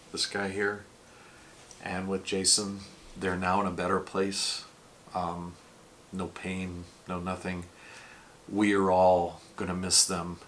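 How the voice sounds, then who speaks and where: A man hosting his vlog, talking casually and emotionally in a halting, rambling way with many fillers. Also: low voice, sharp tone, a little hiss or hum. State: emotional, choked up. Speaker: vlog host. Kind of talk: casual tribute vlog talk.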